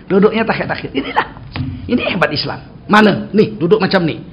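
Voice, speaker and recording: A man's voice: sits high, a little fast, lo-fi sound, a little hiss or hum. A man preaching a sermon in a mosque, telling stories and acting out dialogue. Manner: storytelling, acting out dialogue with lively shifts.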